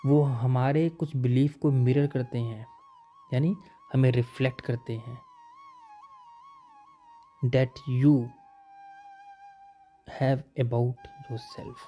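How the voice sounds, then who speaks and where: A man teaching a motivational self-help lesson, reading English lines slowly and explaining them in quicker Hindi, often repeating key points. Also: medium pitch, warm tone.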